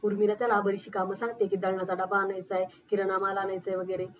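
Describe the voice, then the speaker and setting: A woman narrating a plain, steady retelling of a TV serial episode. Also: medium pitch, fast, a little hiss or hum, rough recording. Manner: even, steady reading of dialogue and action.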